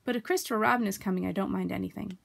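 A woman's voice: mid-range voice, very fast, creaky. A woman voicing a small, timid young male piglet from a storybook, who speaks in an earnest, worried way. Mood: anxious, earnest.

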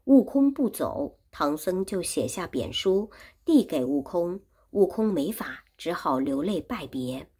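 A woman's voice: low-pitched, expressive, slow, hardly any pauses, darkish tone, husky. A woman teaching Chinese who retells a classic story in simple words and repeats and explains each phrase. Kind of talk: storytelling lesson.

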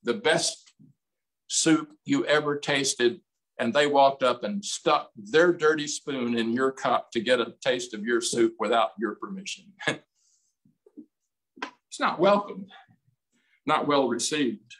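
A man in his eighties preaching a sermon as pastor, slow and emphatic in a folksy way, recorded on a desk mic in a small room. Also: mid-range voice, fairly bright tone, poor audio. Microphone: desk mic on stand, streamed over video call.

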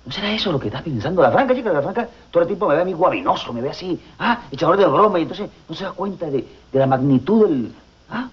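A man's voice: on the high side, expressive, quick pace, breathy edge. An actor playing a lovesick, self-pitying comic man with a Venezuelan accent, rambling melodramatically. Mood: lovelorn. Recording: dull TV audio with music.

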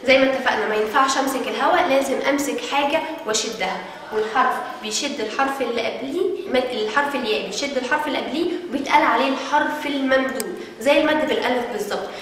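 A woman with an Egyptian Arabic accent teaching young children phonics, sounding out syllables slowly and asking questions she answers herself. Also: high-pitched, a bit bright, very echoey, long reverb tail, far from the mic, slight background noise, poor audio. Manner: asks the class questions and answers them herself. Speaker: early-years teacher.

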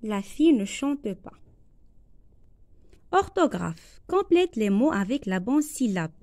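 A woman teacher with a Moroccan accent, going slowly through a worksheet lesson, repeating each phrase and translating it into Arabic. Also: on the high side, sing-song, a little mellow, dry recording. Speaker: primary school teacher.

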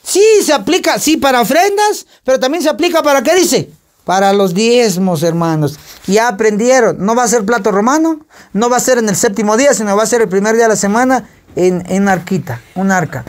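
High-pitched pastor guy preaching, keeps asking the church questions. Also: brisk. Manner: emphatic questioning of the congregation. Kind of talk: sermon.

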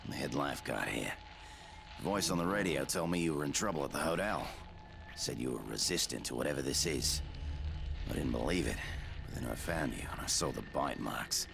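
An actor playing a male head lifeguard with an Australian accent, earnest and steady as he leads survivors in a game. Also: a bass voice, a little fast, vocal fry, noisy background, heavily acted. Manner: earnest, pleading for help.

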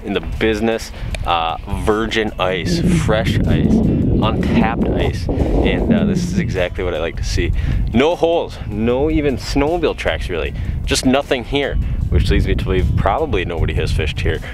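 A man's voice: on the low side, sing-song, normal speed, loud music behind the voice. A young man hosting a fishing channel, chatting upbeat on a frozen lake and explaining his gear to the camera held at arm's length. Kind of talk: casual outdoor vlog. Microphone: camera close up, held at arm's length. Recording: loud wind noise on the mic.

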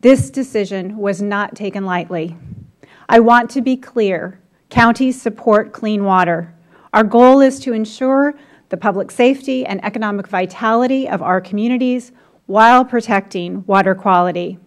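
A woman, a county commissioner from the United States, reading formal testimony at a congressional hearing in a measured, deliberate manner. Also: medium pitch. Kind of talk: formal testimony read from prepared remarks.

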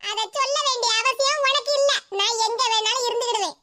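A woman's voice: very high-pitched, steady tone, fast. A woman voicing a bossy, mocking older village woman in a cartoon, speaking with a Tirunelveli Tamil accent and a teasing sing-song manner. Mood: scornful. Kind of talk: cartoon comedy voice acting. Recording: loud background hiss.

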